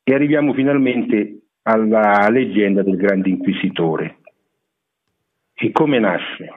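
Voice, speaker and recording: A man giving a measured, explanatory radio lecture on literature. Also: fairly low pitch. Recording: narrow phone-like radio broadcast.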